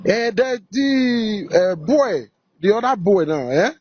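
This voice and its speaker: A man with a Nigerian accent, heard in a played-back phone voice message, talking in a halting way in casual chat. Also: sits high, expressive, darkish tone. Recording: dull, dry phone voice note.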